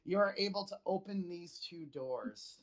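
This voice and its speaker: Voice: mid-range voice, animated, a little slow. A game master casually narrating a tabletop fantasy game and guiding the players.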